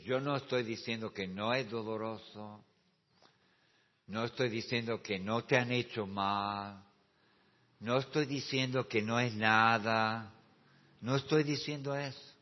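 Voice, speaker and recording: A male pastor preaching a sermon, moving from quiet, slow asides to shouted, drawn-out climaxes. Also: lowish voice. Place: church hall. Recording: muffled sound with long hall reverb.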